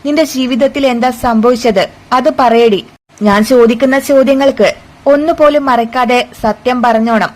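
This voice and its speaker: A woman's voice: on the high side, normal speed, a little mellow, close to an everyday voice. A woman voicing a furious, domineering middle-aged mother-in-law who questions harshly and demands answers, in a storybook retelling. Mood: angry.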